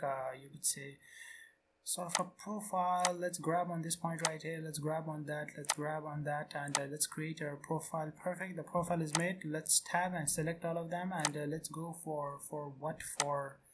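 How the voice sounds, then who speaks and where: A man narrating a screen-recorded software tutorial in quick, repetitive step-by-step phrases. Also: fairly high pitch. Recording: noisy home recording.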